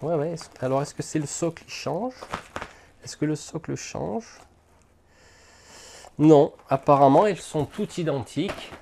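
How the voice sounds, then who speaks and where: Gravelly-voiced man unboxing miniatures. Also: on the high side, a little slow, pauses often, warm tone, slight background noise. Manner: hesitant, thinking aloud with many fillers. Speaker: miniatures hobby channel host. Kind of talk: casual unboxing talk to camera.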